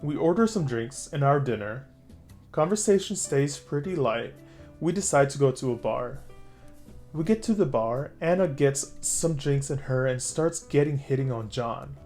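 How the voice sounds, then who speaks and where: An easygoing man narrates an online story in a relaxed, chatty voice at a middle pitch. Faint music plays under his voice. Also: normal speed. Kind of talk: reading an online story aloud.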